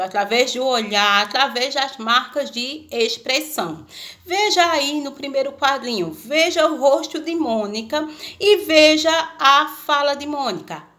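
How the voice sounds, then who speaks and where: A woman's voice: on the high side, bright, forceful tone. A woman teacher giving a remote lesson to a class of children, explaining patiently and often checking in with the students.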